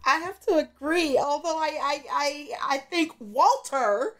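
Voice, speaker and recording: Woman, high voice, slow pace, casual co-host. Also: a bit bright. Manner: agreeable, laughs often. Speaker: podcast co-host. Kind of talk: casual wrestling chat.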